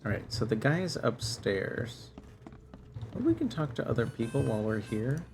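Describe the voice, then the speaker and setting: A man's voice: mid-range voice, animated, normal speed, creaky, over music. A man giving casual game commentary, musing and thinking aloud as he plays. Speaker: gamer, let's play host.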